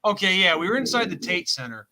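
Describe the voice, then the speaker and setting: A man's voice: high voice, big pitch swings, fast, crowd noise, low-quality recording. A man co-hosting a casual live show, telling a rambling story and correcting himself as he goes. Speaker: co-host.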